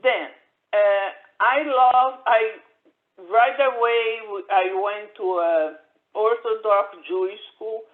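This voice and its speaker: An older woman raised in Brazil, speaking slowly and haltingly with many pauses as she recounts her life in an oral history interview. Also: medium pitch. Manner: slow, halting, many fillers and restarts. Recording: tinny phone-like audio.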